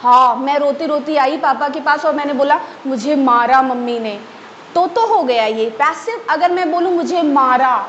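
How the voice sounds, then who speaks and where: A woman teaching English grammar in a lively way, often checking that her students follow. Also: high voice, normal speed, hardly any pauses, lo-fi sound. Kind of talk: explaining a grammar lesson. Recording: echoey room, faint ambient noise.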